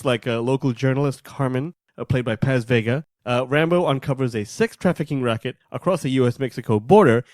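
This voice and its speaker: A man's voice: mid-range voice, dry recording, studio quality. A man co-hosting a podcast, chatting casually about a film, nasal from a cold, swearing freely and laughing often. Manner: profane, laughs a lot, animated. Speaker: podcast co-host. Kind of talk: casual film review chat.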